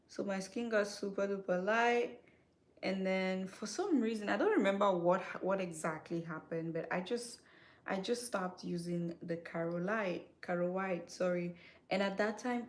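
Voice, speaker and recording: A young woman from Cameroon, chatting casually to her viewers as a skincare vlogger while she does her makeup, with many fillers, repeated words and self-corrections. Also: on the low side.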